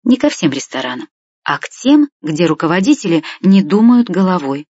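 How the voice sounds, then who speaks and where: A woman narrating a first-person story in a plain, steady way as an audiobook reader. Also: fairly low pitch, normal speed, slightly rough, dry recording, dull audio.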